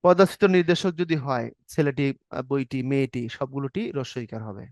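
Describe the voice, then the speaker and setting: A man's voice: mid-range voice, moderate pace, no echo. Man teaching grammar in a dry recording. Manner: explains step by step, acts out short example dialogues, checks in with "okay?". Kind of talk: exam-prep grammar lesson.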